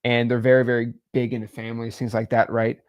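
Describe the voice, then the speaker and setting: A young man co-hosting a podcast rambles through casual business advice, full of fillers and animated swings in loudness. His mid-range voice is fast and smooth.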